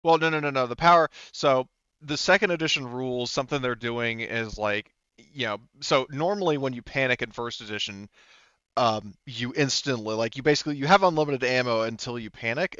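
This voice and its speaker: A man with a mid-range, bright and forceful voice speaks a little fast and smoothly as a tabletop game master. He explains rules and narrates combat in rambling, broken-off phrases full of "like" and "you know," and the audio is dull with no echo.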